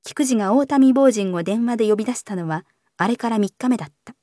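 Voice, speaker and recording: A woman reads a literary novel aloud in a calm, measured way. Her voice sits slightly high with a mellow, warm tone. The recording is close and dry. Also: dry recording. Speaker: narrator. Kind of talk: audiobook novel reading.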